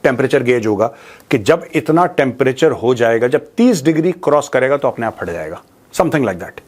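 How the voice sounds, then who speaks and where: A man with a medium-pitched, darkish voice, lively intonation, and normal speed hosts a news commentary show. He addresses viewers on current affairs in an informal, opinionated monologue, mocking and colloquial, using rhetorical questions, repeating phrases for emphasis, and mixing in English.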